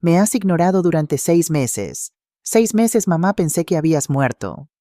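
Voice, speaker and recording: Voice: mid-range voice, expressive, measured pace, warm tone, no room sound, studio quality, pitched above the performer's own voice, natural voice. A storyteller voicing a desperate, indebted grown son who pleads and raises his voice.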